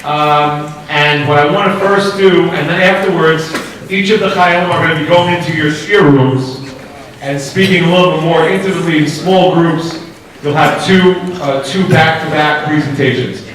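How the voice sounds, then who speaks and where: A man's voice: a little high, fairly even intonation, normal speed, a bit bright. A man hosting a school assembly, speaking earnestly and emphatically with rhetorical questions, in a large school hall. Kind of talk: assembly address. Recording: echoey hall, voice from far off.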